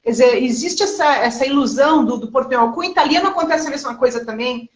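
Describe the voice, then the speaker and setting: A woman's voice: high-pitched, fast. A woman hosting an interview, asking long, reflective questions with frequent tag questions. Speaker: interview host. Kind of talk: interview conversation. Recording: echoey room.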